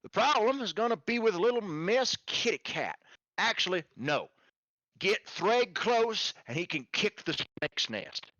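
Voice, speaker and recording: Tabletop game guide, sardonic and blunt male performer, higher-pitched, lively, dry muffled mic. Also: unhurried, no echo, heavily acted. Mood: urgent, commanding. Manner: blunt, swearing, taunting.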